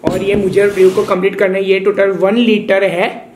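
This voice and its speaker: A man's voice: high-pitched, flat delivery, moderate pace, slight background noise. A young man casually chatting to his viewers in a home vlog, playful and talkative. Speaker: vlogger.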